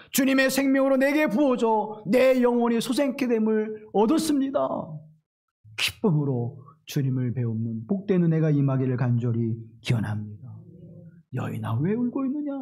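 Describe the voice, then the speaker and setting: A man delivers a Sunday sermon in a fairly high voice. He swings from loud, rising declarations to soft, dropped phrases, sometimes near a whisper. He acts out the quoted lines he recites. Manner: dramatic swings in pitch and loudness, voicing quoted speech. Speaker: pastor.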